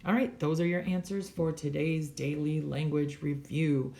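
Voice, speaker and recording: Lady teacher going over answers step by step, low gravelly voice, kinda echoey room. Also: steady tone, a little slow, mellow. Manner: patient, step-by-step explaining. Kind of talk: recorded classroom lesson walkthrough. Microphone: tablet microphone.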